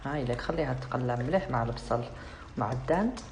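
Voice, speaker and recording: A woman's voice: very deep voice, lively intonation, quick pace, slight background noise. A middle-aged woman with an Algerian Arabic accent, chatting casually and sassily while she cooks, teasing the viewer and slipping into French. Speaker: cooking vlogger. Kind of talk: casual cooking demonstration. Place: home kitchen with food frying. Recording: echoey kitchen, loud sizzling pan.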